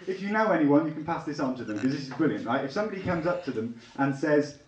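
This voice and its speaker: A man's voice: a little high, quick pace, far from the mic, lo-fi sound. A young man from England with a Leicester accent tinged with Liverpool, doing a stand-up comedy routine and bantering with the crowd. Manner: chatty, bantering with the crowd, bursts into excited yelps. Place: small theatre lounge with a live audience. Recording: echoey room, recorded from afar.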